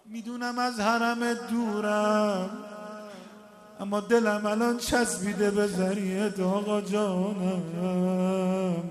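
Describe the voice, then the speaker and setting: A man singing devotional eulogy verse, breaking into quick spoken asides between lines. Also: high-pitched, flat delivery. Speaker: religious eulogy singer. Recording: echoey hall with music behind.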